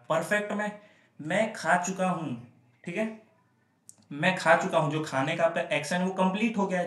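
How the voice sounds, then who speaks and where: A man's voice: high voice, fairly bright tone. A male grammar teacher lecturing in Hindi, asking and answering his own questions and repeating example sentences. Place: classroom with whiteboard. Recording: echoey room.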